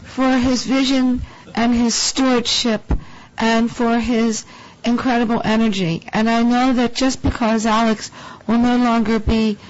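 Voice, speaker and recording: Hoarse woman with teasing remarks. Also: a little high, little pitch movement, a little slow, dull audio. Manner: warm-humored, teasing colleagues. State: hoarse, voice almost gone. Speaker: town board member. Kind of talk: remarks at a public meeting. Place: town board meeting room.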